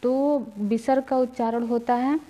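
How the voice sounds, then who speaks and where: A woman teaching an online exam-prep class, slowly sounding out syllables for viewers to repeat and calling them friends. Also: on the high side, fairly even intonation, dark tone, lo-fi sound. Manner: drawn-out sounds modelled for repeating.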